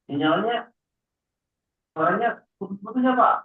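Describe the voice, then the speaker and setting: A man's voice: sits high, animated, normal speed. A man joining a webinar over a video call, his audio choppy and breaking up from a bad signal, speaking hesitantly. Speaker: webinar participant asking a question. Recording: tinny, distant, echoey online-call line.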